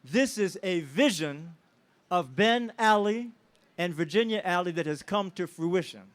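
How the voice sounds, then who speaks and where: High-voiced man giving an emotional tribute. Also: expressive, unhurried. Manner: emotional, preacher-like call-and-response with the crowd. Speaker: family member giving a tribute speech. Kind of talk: public speech at an outdoor celebration. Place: outdoors at a street celebration.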